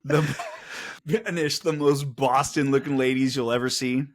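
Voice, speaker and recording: A man co-hosting a casual podcast, animated and laughing, often slipping into silly voices. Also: medium pitch, unhurried. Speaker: podcast co-host. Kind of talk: casual chat.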